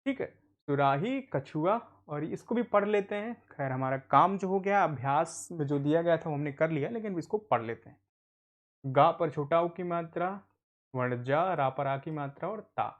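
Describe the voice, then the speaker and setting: A man's voice: on the high side, lively intonation, moderate pace, muffled recording. A man teaching an adult literacy class, patiently spelling out words and answering his own questions. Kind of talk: online Hindi reading lesson.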